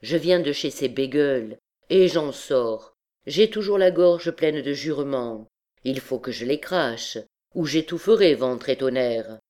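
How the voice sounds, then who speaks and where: A woman's voice: extremely low pitch, animated, unhurried, a little mellow. A woman voicing a swaggering young male army captain who bellows oaths boisterously. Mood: swearing.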